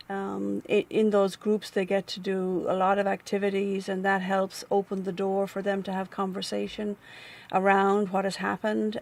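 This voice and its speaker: A middle-aged Irish woman, the community manager at a grief center, answers interview questions about the center. Her medium-pitched voice has some vocal fry. She speaks in a thoughtful, measured way, often pausing with "um" and restarting her sentences.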